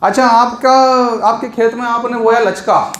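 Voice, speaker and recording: A man's voice: extremely high pitch, steady tone, moderate pace, crowd noise. A man teaching an exam coaching lesson, explaining memory tricks and asking the class questions that he answers himself. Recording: echoey room.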